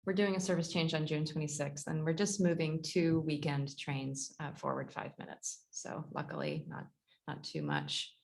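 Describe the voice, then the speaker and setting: A woman's voice: deep voice, steady tone, moderate pace, creaky. A young adult woman giving a casual transit update on a video call, chatty, with lots of fillers and laughs. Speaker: transit agency staff.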